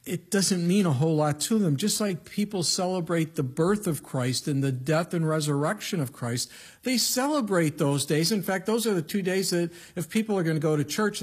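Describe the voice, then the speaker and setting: Husky pastor teaching at a pulpit microphone. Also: male voice, a little high. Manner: conversational, plain-spoken preaching with emphatic asides. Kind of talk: verse-by-verse Bible teaching sermon.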